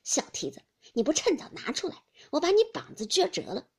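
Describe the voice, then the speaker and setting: A woman's voice: sits high, wildly swooping pitch, brisk, pitched above the performer's own voice, full character voice. A woman doing a wheedling young nobleman. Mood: coaxing.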